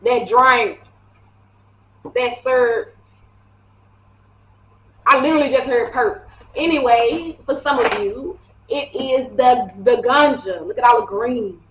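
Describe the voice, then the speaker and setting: A woman giving a casual tarot reading to camera, chatty and animated, laughing often as she talks. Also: a little high, takes it slowly, pauses often, slight background noise. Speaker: tarot reader. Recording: echoey room.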